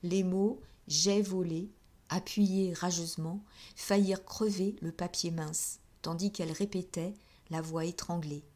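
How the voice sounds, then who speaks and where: A woman reading a classic novel aloud as an audiobook, in a steady, clear narration. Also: lowish voice, unhurried. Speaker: audiobook reader.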